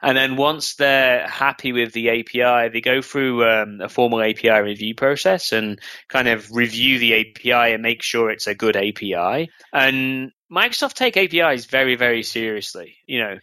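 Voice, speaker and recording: A man's voice: medium pitch, normal speed, hardly any pauses, sharp tone, smooth, dry recording. A man co-hosting a casual tech podcast, talking in a rambling way with many restarts and fillers. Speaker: podcast co-host.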